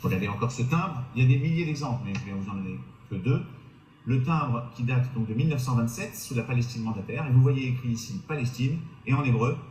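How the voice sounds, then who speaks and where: A man's voice: medium pitch, expressive, fast talker, darkish tone, reverberant, rough recording. A man narrating a history lesson to his viewers, asking rhetorical questions and hesitating often as he explains. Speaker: history video presenter.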